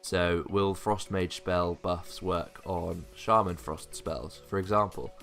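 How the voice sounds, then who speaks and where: A man with a low-pitched voice narrates a countdown list for a gaming video. He sounds keen and hopeful as he comments on each item. Soft music plays behind his voice-over. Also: fairly even intonation, slow, creaky. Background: background music.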